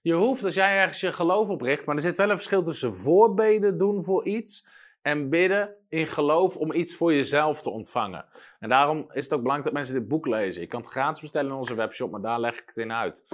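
A man preaching a sermon with emphatic delivery, slowing down to read scripture and rising to loud exclamations. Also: on the high side, animated. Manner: reads scripture slowly and deliberately.

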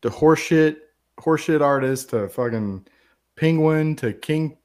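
A man's voice: fairly high pitch, measured pace, a little mellow. A man hosting a casual movie podcast, retelling the plot in a loose, profane, rambling way and quoting the characters. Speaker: podcast host.

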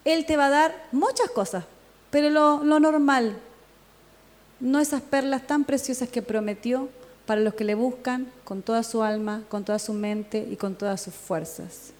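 A Chilean woman pastor delivers her sermon in a somewhat high voice, animated and full of quoted dialogue. The sound carries a long reverb from a church hall. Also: unhurried. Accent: Chilean Spanish. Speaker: pastor and worship leader.

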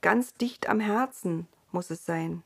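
A woman reads God in a children's storybook, a creator who speaks slowly and with gravity. The voice sits low and takes its time over every phrase, stern but gentle underneath. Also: gravelly, breathy edge, full character voice. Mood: grave.

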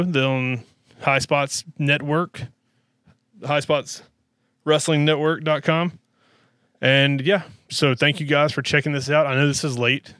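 A man's voice: medium pitch, a bit bright, clear, resonant tone, no room sound, clean studio sound. A man hosting a wrestling talk show in a casual, rambling way, worn out and out of breath. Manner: rambling, with many restarts and fillers. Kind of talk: casual chat.

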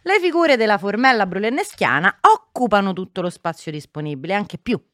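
A woman's voice: mid-range voice, lively intonation, brisk, no echo, clean studio sound. A woman co-hosting a podcast, explaining conversationally with banter and a mock-stern, correcting manner. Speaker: podcast co-host.

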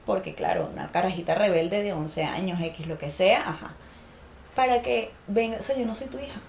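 Animated Venezuelan woman telling a story. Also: fairly low pitch, normal speed, vocal fry, a little hiss or hum. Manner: animated storyteller, heavy slang. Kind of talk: casual chat. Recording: echoey room.

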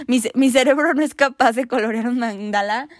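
A woman's voice: on the high side, moderate pace, dry recording, studio quality. A young woman with a Mexican accent, speaking candidly and chattily to her viewers as she gives casual advice. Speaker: vlogger. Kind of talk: casual advice talk to camera.

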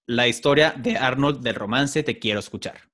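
Male podcast host, relaxed rambling chat, mid pitch. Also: normal speed. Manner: relaxed, rambling, leads topics. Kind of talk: casual chat.

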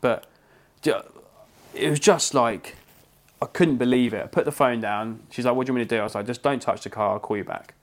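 A young English man co-hosting a podcast, telling a story in a casual, animated way and swearing freely. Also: mid-range voice, brisk. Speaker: podcast co-host.

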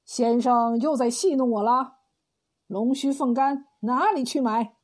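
A woman voicing a greedy, cruel male landlord who speaks in a loud, blustering way in a storybook tale. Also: fairly high pitch, measured pace.

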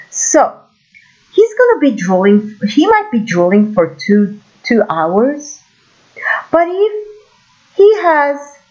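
Woman from Turkey, a bit high-voiced, casual monologue with exclaimed asides, dull recording. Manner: animated storytelling, exclaims in quoted asides.

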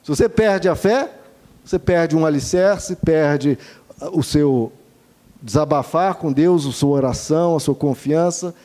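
A man's voice: fairly high pitch, a little slow, mellow. A man with a Brazilian Portuguese accent preaching a sermon, earnestly asking the congregation questions and stacking repeated phrases. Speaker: pastor.

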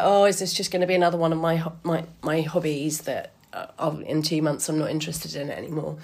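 A woman with a slightly wheezy voice musing casually on her own as a podcast host, informal, chatty and enthusiastic. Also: low voice. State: a bit wheezy today.

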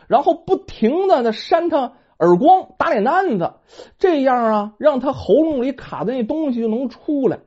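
A woman's voice: high voice, dark tone, slightly rough, pitched above the performer's own voice, full character voice. Woman doing a confident village shoemaker. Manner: assured explaining. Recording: dull lo-fi recording.

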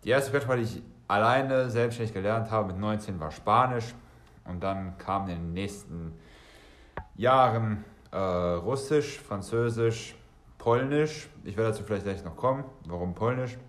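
Speaking straight to his audience, this solo podcast host, a man bilingual in German and Serbian, keeps things conversational and frequently rewords what he says. He has a lowish voice, a measured pace, and reverberant sound.

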